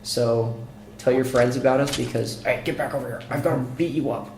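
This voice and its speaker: A man's voice: medium pitch, steady tone, fairly quick, a little mellow. A young man co-hosting a gaming podcast, joking and calling out what he sees in the game as he plays. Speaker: podcast co-host playing a video game. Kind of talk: casual gaming commentary. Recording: echoey room with faint noise.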